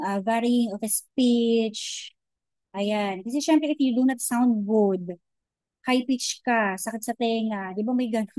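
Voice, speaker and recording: A woman giving an informal online lecture, mixing Tagalog and English, often checking in with "okay?" and pausing to search for words. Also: mid-range voice, warm tone, dry recording, rough recording. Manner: chatty Taglish, frequent "okay?" and "di ba?" check-ins; many hesitations and restarts.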